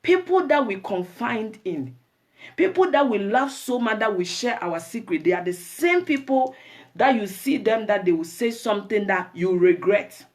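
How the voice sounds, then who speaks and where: A woman's voice: mid-range voice, lively intonation, normal speed. Chatty Ghanaian woman hosting a live show. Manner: chatty, greets viewers by name, mixes in Twi; preachy advice to women. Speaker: talk show host. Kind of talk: live show chat with viewers.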